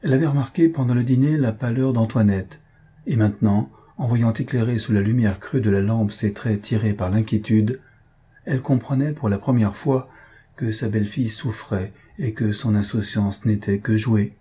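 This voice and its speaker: A man reading a classic novel aloud in a measured, even storytelling manner. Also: on the low side, slightly rough. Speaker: audiobook reader. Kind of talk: scripted narration of a novel.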